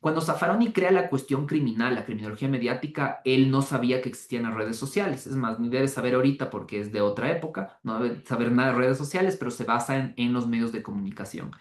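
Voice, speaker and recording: Lively, chatty male lecturer. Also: mid-range voice, fast talker, few pauses. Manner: lively, conversational, asks the audience rhetorical questions. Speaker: criminal law lecturer. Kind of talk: online lecture. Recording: echoey room.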